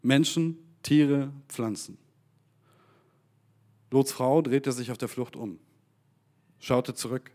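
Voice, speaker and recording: A man's voice: mid-range voice, takes it slowly, pauses often, mellow. A man preaching in a casual way, talking directly to his listeners and reading a Bible story aloud.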